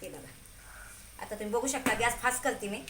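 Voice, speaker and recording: Home cook host, Marathi-accented woman, high voice, echoey kitchen, sizzling pan behind. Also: brisk. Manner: chatty, keeps asking "okay?" and telling viewers to look. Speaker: home cooking channel host. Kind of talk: casual cooking demonstration. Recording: echoey kitchen with cooking noise. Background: sizzling pan and clattering pots.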